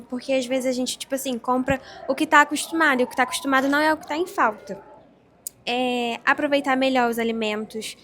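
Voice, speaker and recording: High-voiced chatty teen girl. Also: fairly bright tone. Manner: chatty, informal. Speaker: student presenter. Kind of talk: classroom presentation.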